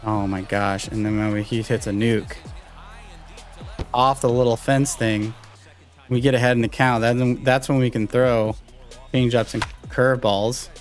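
A young man giving live commentary on a baseball video game he is playing, talking to his viewers and reacting loudly to each play, with faint music behind him. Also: mid-range voice, a little slow. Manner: excitable, talks to viewers while playing. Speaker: gaming YouTuber.

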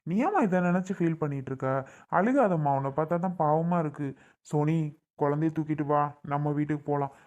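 A man's voice: on the high side, a little fast, darkish tone, lo-fi sound. A man acting in a melodramatic family skit, scolding angrily. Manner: angry, scolding.

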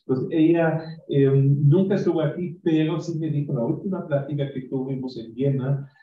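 A man's voice: a little high, steady tone, moderate pace. A man presenting a book at an academic conference, talking off the cuff in a digressive way, with many tag questions and restarts. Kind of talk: spontaneous academic talk. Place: university venue. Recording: roomy, distant, dull live-stream audio.

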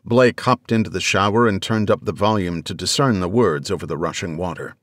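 A low-voiced man narrates an audiobook in a measured, even way. The recording is dry and close, with no room sound. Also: no echo.

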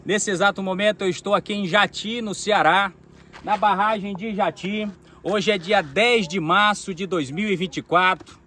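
A man's voice: high voice, fairly even intonation, normal speed, sharp tone, a little hiss or hum. Combative man vlogging outdoors. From Maranhão, Brazil. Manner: combative, addresses the president directly, gestures emphatically. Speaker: political vlogger. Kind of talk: outdoor political vlog. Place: outdoors by a dam spillway. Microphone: phone camera, selfie framing.

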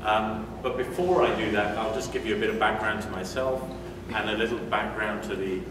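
A British man in his forties gives a conversational conference talk in a medium-sized indoor hotel meeting room, with frequent fillers and restarts. His voice is lowish and brisk. A distant room mic captures it, leaving the recording echoey and noisy.

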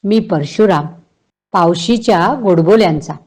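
A woman's voice: medium pitch, expressive, unhurried, a little mellow, close to an everyday voice. A woman voicing a humble, earnest young husband who speaks politely and hesitantly, in a read-aloud novel.

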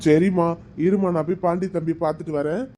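A performer voicing a gentle, proud village father in a cartoon, speaking in a soothing, fatherly way. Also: a little high, steady tone, fast, slight background noise, lightly acted. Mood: calm. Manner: soothing, fatherly, soft-spoken.

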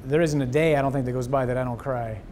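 A priest hosts a conversational discussion about faith, his voice warm and mellow. He talks fast and earnestly, with animation and a steady tone, often restarting phrases mid-thought. Recorded indoors in front of a wall of memorial crosses, with a faint rumble underneath.

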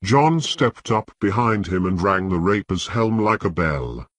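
Slow, husky male audiobook narrator. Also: deep voice, lively intonation, no room sound. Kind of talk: scripted narration.

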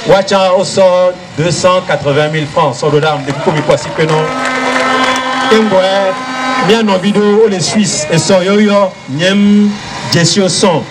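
Togolese man, middle-aged, emphatic rally speaker, high-pitched, handheld mic in clear outdoor noise. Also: measured pace. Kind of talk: political speech to an open-air crowd. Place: open-air rally stage. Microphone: handheld microphone. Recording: noisy outdoor rally sound.

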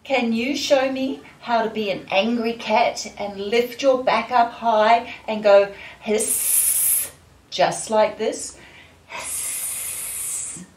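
Slow sing-song woman teaching kids. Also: fairly high pitch, steady tone. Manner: slow, sing-song, encouraging to young children. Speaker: children's dance and gym teacher. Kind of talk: leading a kids' movement class. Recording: echoey room, voice from far off, faint music.

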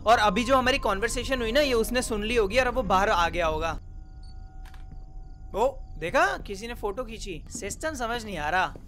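Excitable high-voiced young man gaming. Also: moderate pace, soft background music. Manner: excitable, joking, loud reactions. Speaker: gaming YouTuber. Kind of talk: horror game let's play commentary.

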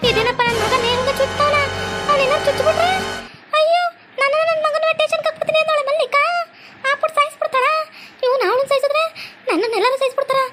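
A woman's voice: very high-pitched, fast talker, loud music behind the voice. A woman playing a frantic older village mother-in-law who wails and curses, with a North Karnataka Kannada accent. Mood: panicked. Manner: panicky wailing, cursing.

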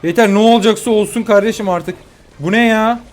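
A young man giving live commentary on his own mobile game matches, excitable and quick to vent frustration at his opponents. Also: high voice, a little hiss or hum. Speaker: gaming YouTuber. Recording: faint music behind.

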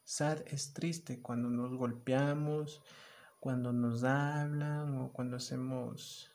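A male teacher giving an online lesson to small children. He takes his time, speaking slowly and drawing out each word. He acts out every emotion and repeats the English words with strong emphasis. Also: mid-range voice, fairly even intonation, a little mellow.

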